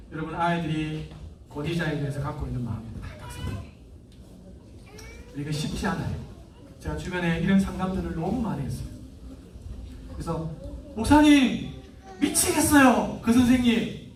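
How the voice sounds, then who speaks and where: High-voiced pastor in an echoey hall. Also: male voice, brisk, pauses often, recorded from a distance, slight background noise. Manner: animated, acts out parents and teachers in quoted voices. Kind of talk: sermon. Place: church hall.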